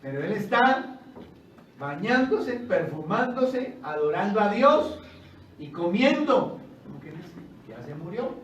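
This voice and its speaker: Preacher, male, high voice, chatty and jokey, heard from off-mic with a faint hum behind. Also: takes it slowly. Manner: lively, conversational preaching with joking asides; rises loudly when reading scripture. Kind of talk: sermon. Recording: roomy and distant with faint ambience.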